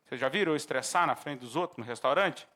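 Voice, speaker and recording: A man with a Brazilian Portuguese accent preaching a sermon as pastor, breaking into animated outbursts and acted-out shouts. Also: mid-range voice, fast.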